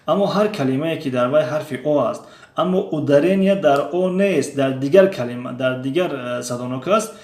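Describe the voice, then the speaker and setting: A man explaining a language lesson slowly, repeating drill words aloud one by one. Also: mid-range voice, reverberant. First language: Tajik. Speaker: language teacher.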